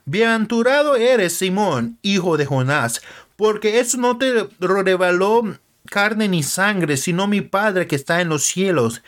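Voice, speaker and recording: Jesus, a calm male teacher, read aloud by a man in his own light, fairly high voice. The lines come unhurried and plain, like a storybook reading rather than acting.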